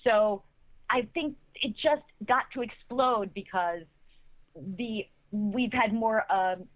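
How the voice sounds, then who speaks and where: A woman's voice: a little high, slow, dry recording. A middle-aged actress answering interview questions, enthusiastic and rambling, often restarting her sentences. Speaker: actress guest. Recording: tinny phone-like line, dry.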